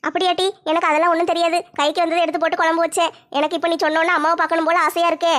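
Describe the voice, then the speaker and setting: A bossy, thrifty village mother, played by a woman, talking quickly in a very high voice. She scolds and tells stories bluntly, teasing those around her in a homemade comedy skit. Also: flat delivery, fairly bright tone.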